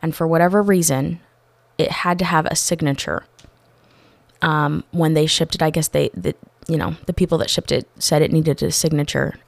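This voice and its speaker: A woman telling a personal faith story in an earnest, animated way, acting out the people she quotes. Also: low-pitched, normal speed, gravelly, no echo. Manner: many restarts and fillers. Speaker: storyteller sharing a faith testimony. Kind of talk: casual personal testimony.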